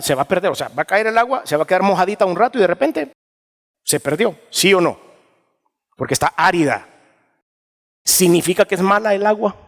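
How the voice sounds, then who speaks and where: Emphatic male pastor in a reverberant hall. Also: a little high. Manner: emphatic preaching, rising dramatically, voicing churchgoers. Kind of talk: sermon. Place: church sanctuary.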